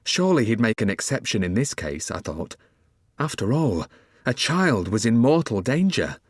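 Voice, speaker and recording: A man narrating a dark fantasy audiobook in the first person, telling it expressively. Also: on the low side, sing-song, normal speed, breathy edge, no echo, studio quality.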